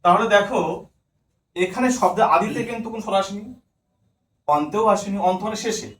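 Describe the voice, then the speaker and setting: A man's voice: high voice, brisk, a bit bright. A man with a Bengali accent giving a demonstration lesson, asking questions and answering them himself. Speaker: teacher candidate giving a demo lesson. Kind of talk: classroom teaching demonstration. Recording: echoey room, far mic, faint noise.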